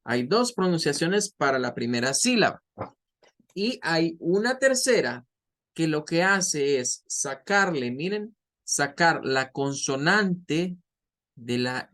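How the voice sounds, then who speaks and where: A man's voice: on the high side, lively intonation, a bit bright. Man teaching pronunciation, repeating sounds. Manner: explains slowly, repeats model sounds aloud. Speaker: English teacher. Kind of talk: online pronunciation lesson.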